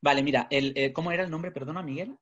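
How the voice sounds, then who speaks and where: A man, a communication trainer, giving a webinar talk over a video call, animated and full of rhetorical questions. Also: fairly high pitch, fast. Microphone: webcam video call. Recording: dull lo-fi webinar audio.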